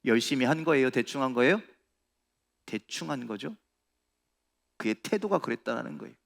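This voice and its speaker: A middle-aged man preaching a sermon as pastor, animated, acting out quoted prayers in a raised voice. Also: medium pitch, normal speed, creaky. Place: large church sanctuary. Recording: reverberant church hall.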